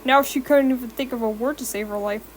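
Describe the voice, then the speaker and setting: High-voiced young woman reading a story. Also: fairly even intonation, quick pace, a little hiss or hum. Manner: stumbling, rereads and corrects words. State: sore throat. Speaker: reader of fan fiction.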